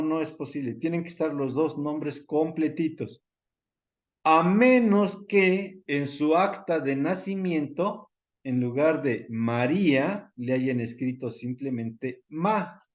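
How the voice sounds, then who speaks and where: A man's voice: medium pitch, a little mellow, lo-fi sound. A man, lecturing a university class over a video call and repeating the key points. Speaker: university professor.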